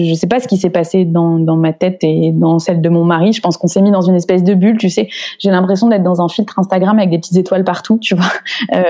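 A woman's voice: lowish voice, mellow. Hesitant, indignant woman telling her story. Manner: hesitant, many restarts, emotional and indignant. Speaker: interviewee. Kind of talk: candid personal storytelling.

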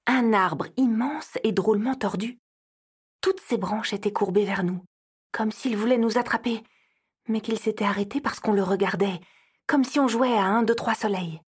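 A woman giving expressive scripted narration for an audio story. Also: mid-range voice, moderate pace, husky.

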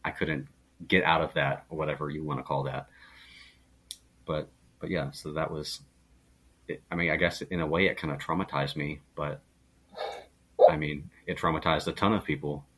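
A man's voice: a bass voice, fairly even intonation, normal speed, long pauses, fairly bright tone, husky. A young adult man, a podcast guest, telling a story casually with rambling fillers. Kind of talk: casual conversation.

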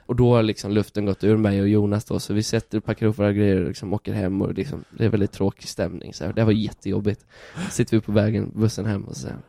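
A man telling stories in a casual podcast chat, animated, swearing casually and acting out the quotes. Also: on the low side, gravelly, hardly any pauses, no echo, studio quality.

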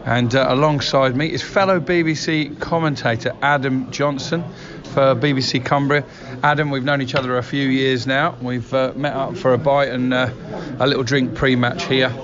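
Male football interviewer, stop-start delivery, muffled sound with clear crowd chatter behind. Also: mid-range voice, fairly even intonation, normal speed. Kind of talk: on-location interview. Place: busy pub.

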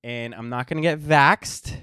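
A man's voice: medium pitch, pushed and bright, clean tone, dry recording. Guy doing a loose solo podcast, wheezy n short of breath, stops and restarts a lot, very dry sound. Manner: halting, repeats phrases, frequent pauses. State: short of breath, recovering from illness. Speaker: podcast host. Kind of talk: casual rambling podcast monologue.

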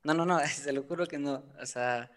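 Sharing his feelings as a guest on a talk show, a man falters through personal conversation, filling pauses and laughing nervously. His voice sits a little high at a moderate pace, heard with long reverb.

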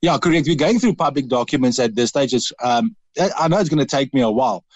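Calling in to a radio interview, this South African man speaks earnestly and fast, with a South African accent, frequent halts and restarts, and a mid-range, slightly mellow voice with lively intonation. The audio has no room sound and its highs are cut off.

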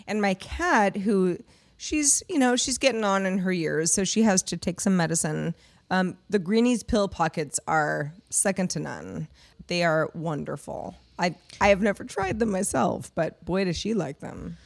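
A woman's voice: lowish voice, lively intonation, measured pace, gravelly. A woman co-hosting a podcast in casual chat, enthusiastic and giggly, with lots of "like". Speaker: podcast co-host.

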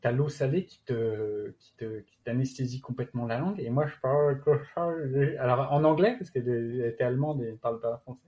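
A man with a French accent, a guest athlete telling his story casually in an interview, halting with many fillers and restarts. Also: mid-range voice, muffled recording.

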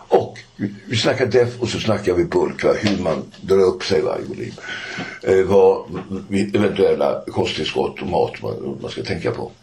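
Older man, deep voice, lively swooping intonation, casual anecdote, filler-heavy. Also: a little hiss or hum. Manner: animated anecdotes with frequent "eh" and "va?" tags. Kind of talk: casual storytelling.

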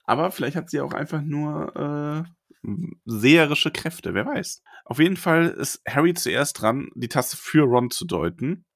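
A man co-hosting a casual book podcast, retelling scenes and dropping into hushed, theatrical voices for quoted lines. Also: on the high side, lively intonation, unhurried, vocal fry, no echo, clean studio sound. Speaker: podcast co-host.

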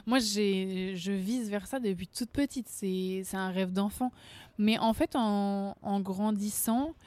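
A woman's voice: mid-range voice, slow pace, a little mellow, dry recording. A young woman singer talking casually in an interview, chatty, laughing often, full of fillers and restarts. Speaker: singer guest.

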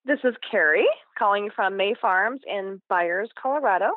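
A woman's voice: mid-range voice, moderate pace, no echo. A woman in her fifties calling in over the phone to a cooking radio show, chatting casually and loosely with many fillers. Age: 50s. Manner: plain, chatty, loose with fillers like "like" and "you know". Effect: heard over the phone. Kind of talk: casual call-in chat. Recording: tinny dry phone line.

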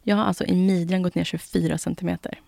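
A woman's voice: fairly low pitch, steady tone, vocal fry, warm tone, no echo, studio quality. A young woman hosting a podcast in casual chat, telling stories animatedly and acting out both sides of conversations. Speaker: podcast host sharing her weight-loss journey.

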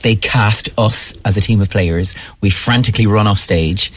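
A man's voice: lowish voice, moderate pace, no echo. An Irish-accented man chatting playfully as a guest in a casual radio interview. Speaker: improv panto performer, radio guest.

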